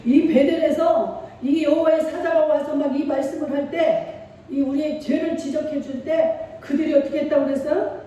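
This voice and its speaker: A middle-aged woman pastor preaches with feeling in a church sanctuary, drawing call-and-response from the congregation. Her high-pitched voice is warm, steady in tone, and delivered at normal speed. Captured from far off in an echoey church hall, the audio carries a little hiss or hum.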